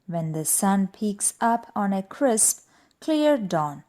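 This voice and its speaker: A woman reading a children's rhyming storybook aloud in a deliberate, expressive, rhythmic way. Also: mid-range voice. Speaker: storybook reader. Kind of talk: children's read-aloud narration.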